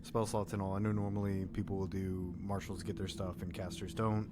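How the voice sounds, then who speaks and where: A man's voice: sits low, little pitch movement, brisk. A man acting as game master, casually narrating and giving rulings in a tabletop game. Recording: clear background noise.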